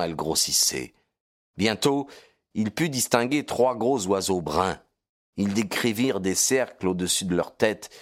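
Deep-voiced male audiobook narrator. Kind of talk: scripted narration of a classic novel.

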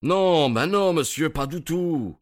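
An actor playing a cornered, impatient aristocratic criminal who answers with defensive, exasperated retorts, in radio drama acting. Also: male voice, on the high side, expressive, takes it slowly.

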